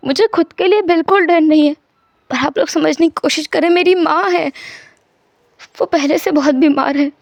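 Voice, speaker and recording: A woman's voice: moderate pace, vocal fry. A woman voicing a desperate young man, pleading. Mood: tearful begging. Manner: pleading, tearful, high-strung. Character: desperate young man begging to leave hospital.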